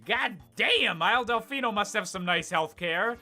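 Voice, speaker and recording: A man with a Canadian accent delivers scripted comedic narration over gameplay in a bright, forward voice. His sarcasm swings from deadpan asides to sudden loud outbursts. Faint game music plays under him. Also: high-pitched, moderate pace. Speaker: gaming comedy YouTuber.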